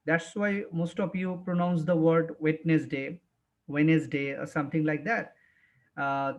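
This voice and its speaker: Male English teacher, Bangladeshi accent, high voice, slow drilling of each word, dull online-class audio. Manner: stretches words slowly to drill pronunciation. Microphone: video call.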